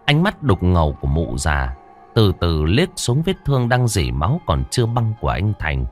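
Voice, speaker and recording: A man reading a horror story aloud in a dramatic, expressive way. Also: deep voice, moderate pace, faint music behind. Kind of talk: scripted horror story narration.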